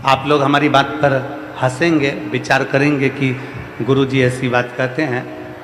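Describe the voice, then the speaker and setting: A man's voice: medium pitch, level tone, measured pace, a bit bright, a little hiss or hum. A man preaching a devotional sermon to a live audience, driving his points home with emphatic repeated refrains. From India. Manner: rhetorical repetition, emphatic refrains. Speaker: kathavachak preacher. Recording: roomy reverberant hall, faint music behind.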